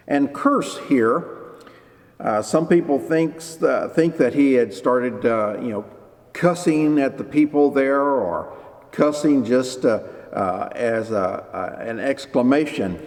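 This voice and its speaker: A man preaching a sermon as pastor, lively and expressive, briefly acting out the people he quotes. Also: mid-range voice, in a large hall.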